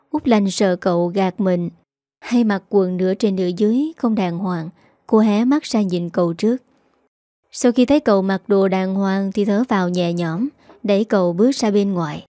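A woman narrating a romance story in a calm, steady reading voice. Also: medium pitch, no room sound, studio quality. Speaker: story reader.

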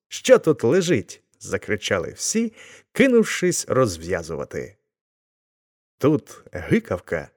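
A man reading a classic tale aloud as an audiobook narrator, with expressive storytelling. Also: mid-range voice.

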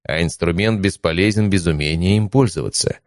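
A male narrator reads a calm, resolute young swordsman, firm and clear. His low voice stays level and composed. The recording is dry and close. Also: a little fast, no room sound, close to an everyday voice.

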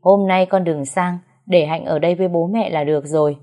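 A woman voicing a stern aging father who lectures his grown daughter in a firm, slow, measured way. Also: on the low side, fairly even intonation, warm tone, natural voice. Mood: deciding.

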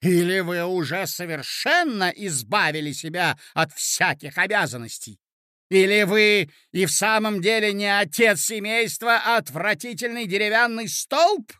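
Brief: furious scheming matron, loud and shrill, voiced by a male reader. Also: big pitch swings, takes it slowly, no echo, clean studio sound, full character voice. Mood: enraged. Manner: loud, shrieking outbursts. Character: furious scheming middle-aged woman, domineering.

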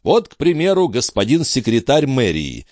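A man reading aloud, voicing a calm, ironic orator who lectures a crowd in a measured, gently mocking way. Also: mid-range voice, no echo, studio quality, voice pushed up.

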